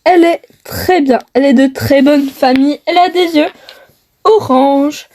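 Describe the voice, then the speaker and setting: A woman voicing a bossy, snobbish mother who scolds her son, shrill and indignant, in a homemade family skit. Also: normal speed, a little mellow, close to an everyday voice.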